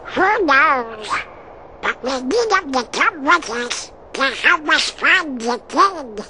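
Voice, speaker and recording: A man voicing an excitable, bossy cartoon duck in a garbled, squawking quack. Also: very high voice, takes it slowly, background noise, heavily acted.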